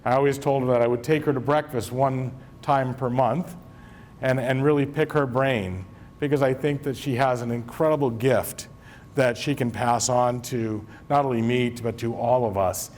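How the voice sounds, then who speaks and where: A school superintendent from Maine gives a convocation speech to his staff before a live audience in a large hall. He is chatty and self-deprecating, joking with the crowd. His medium-pitched voice is steady and darkish, at a moderate pace, with slight background noise.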